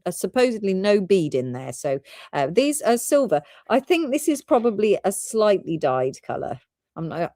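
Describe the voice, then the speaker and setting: A woman's voice: mid-range voice, darkish tone, dry recording, studio quality. Chatty British woman selling pearls live. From Britain. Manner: chatty, giggly, rambling product talk. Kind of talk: live shopping stream.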